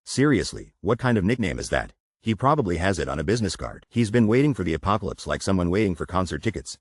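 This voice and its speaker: A man's voice: sits low, dry recording, clean studio sound. A man narrating a comic recap as scripted voice-over, wisecracking with playful asides.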